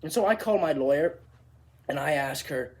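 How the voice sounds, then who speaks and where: A man performs a monologue as an animated, exasperated Irish comedian, telling a story with emphatic, theatrical delivery at a normal speed. His fairly high pitch sits above his own natural voice, though it stays close to an everyday voice.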